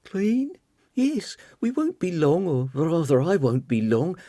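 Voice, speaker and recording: A man reading an audiobook, voicing a flustered, brisk grown daughter. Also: medium pitch, big pitch swings, vocal fry, warm tone, no room sound, clean studio sound, voice pushed up, heavily acted. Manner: flustered and hurried.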